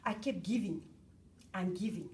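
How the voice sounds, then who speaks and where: A woman's voice: mid-range voice, normal speed. Bubbly woman from cameroon giving a talk, mic a bit far off, faint hiss in the room. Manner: bubbly, animated, chatty with the audience. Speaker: motivational speaker. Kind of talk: public talk at an event. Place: event room with an audience.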